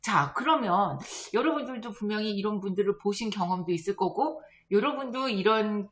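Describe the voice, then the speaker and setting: A woman's voice: medium pitch, normal speed. A woman giving a casual psychology lecture, talking straight to her listeners and slipping into the voices of the people in her examples. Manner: lively, acts out quoted inner thoughts and dialogue; conversational, addresses listeners directly.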